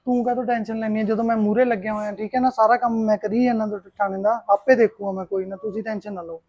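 An actor playing a protective man, fast, brisk, firm and reassuring. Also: high voice, level tone, darkish tone. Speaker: protective elder brother figure. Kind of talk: Punjabi web-series acting.

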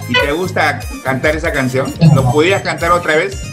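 A man's voice: on the high side, fairly quick, over music. A man running a casual online interview over a video call, chatty and full of fillers. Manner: chatty, many fillers like "pues" and "este".

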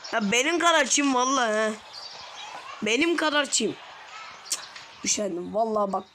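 A young woman hosting a gaming video, chatting casually and getting exasperated with the game. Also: fairly high pitch. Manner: exasperated, chatty, laughs in frustration. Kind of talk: casual gameplay commentary. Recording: noticeable background noise.

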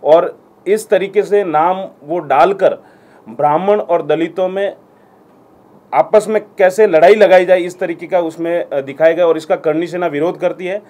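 Firm man with a dark voice. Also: sits high, fairly even intonation, moderate pace. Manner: firm, declarative, with hesitation fillers. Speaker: organization representative at a press conference. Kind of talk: formal press statement.

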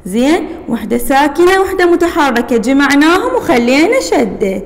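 Iraqi woman teacher, high voice, slow drawn-out reading, reverberant room. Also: big pitch swings. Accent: Iraqi Arabic. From Iraq. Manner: slow deliberate reading, stretching words, quizzing pupils. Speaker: primary school teacher. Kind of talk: reading lesson for young pupils.

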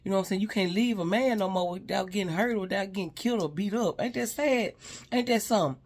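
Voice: mid-range voice, fast. A spiritual advisor gives a casual, rambling reading to viewers. The speaker keeps repeating "you know what I'm saying," addresses an unseen person directly and sighs between thoughts.

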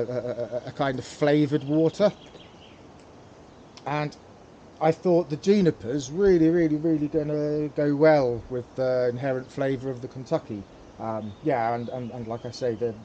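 A man's voice: a little high, mellow, slight background noise. A man hosting a casual how-to demonstration, talking hesitantly with many fillers and repeated words. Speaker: pipe tobacco hobbyist, channel host.

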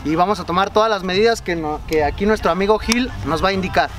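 A man with a Oaxacan Mexican Spanish accent, hosting and interviewing outdoors with brisk, upbeat questions. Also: high-pitched, music in the background. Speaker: host interviewer. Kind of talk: casual interview. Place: outdoors by a lake.

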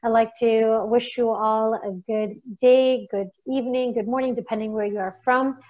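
A woman hosting an online seminar, wrapping up with thanks and announcements in a measured way over a video call. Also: on the high side, steady tone. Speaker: webinar host. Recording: dull lo-fi call audio.

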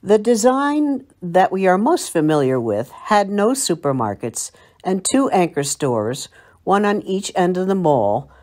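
An older woman from Long Island with an American accent, a library local history presenter, narrates a scripted local history piece in a reminiscing, storytelling way. Her voice is lowish and darkish, with big pitch swings and an unhurried pace.

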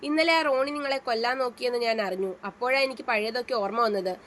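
A woman's voice: fairly high pitch, quick pace, fairly bright tone, a little hiss or hum, natural voice. A woman voicing an older man, a guilt-ridden father pleading for forgiveness in a read-aloud story. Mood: remorseful.

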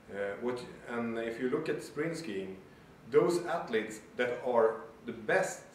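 A man's voice: mid-range voice, slight background noise. Guy explaining sprint training, echoey lab, kinda far from the mic. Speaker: sports scientist. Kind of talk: explanatory interview. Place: indoor lab.

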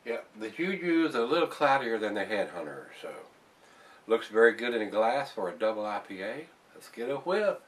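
A man's voice: lowish voice, sing-song, normal speed, far from the mic. Chatty older man reviewing beer. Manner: chatty, rambling with fillers and restarts. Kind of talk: casual beer review to camera. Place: home bar room, indoors.

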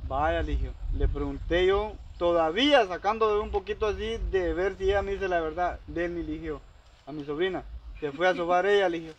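A man with a high voice speaks at a normal speed, telling a long, rambling personal story about a dispute in casual talk. He acts out both sides of the conversation with lots of quoted dialogue. The recording has the highs cut off and a little hiss or hum.

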